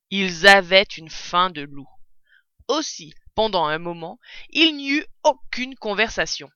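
A woman reads a children's story aloud. Her voice is bright and lively, and the sound is dry. The recording sounds dull and lo-fi. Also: medium pitch, no room sound. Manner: expressive, animated. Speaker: narrator. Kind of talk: storybook reading.

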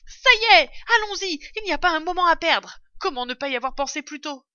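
A woman voicing a brave male fox father in a storybook reading, urgent and shouting when alarmed. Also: medium pitch, normal speed, smooth, no room sound, dull audio, lightly acted. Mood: shouting urgently.

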